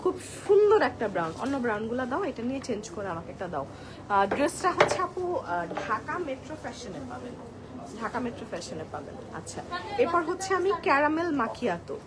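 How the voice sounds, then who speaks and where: A woman's voice: fairly high pitch, very animated, fast, noisy background. Chatty woman, live sale. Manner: chatty, addresses viewers as apu; switches between soft and loud talk. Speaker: live-selling host at a store sale. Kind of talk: live-stream product demo. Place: crowded store outlet indoors. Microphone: clip-on mic. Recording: crowded shop, busy background. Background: shoppers chattering.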